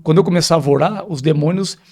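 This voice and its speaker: A man's voice: fairly high pitch, fast talker, darkish tone. A man with a Brazilian Portuguese accent, a pastor telling his personal testimony as a podcast guest, acting out the dialogue as he tells it. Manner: vivid storytelling, acting out quoted dialogue.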